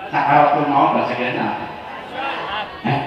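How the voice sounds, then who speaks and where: A man with a Tegal Javanese accent giving a comic sermon, telling a story with lively delivery and quizzing his audience. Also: medium pitch, normal speed, highs cut off, a crowd in the background, background noise. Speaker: preacher. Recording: echoey hall from far off.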